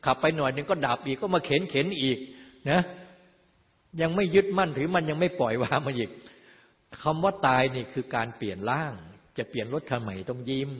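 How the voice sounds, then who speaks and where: An older man, a Buddhist teacher, giving a dharma talk in a teasing, rhetorical way and often asking his listeners whether they see. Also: on the high side. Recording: dull, lo-fi sound in a long-reverb hall.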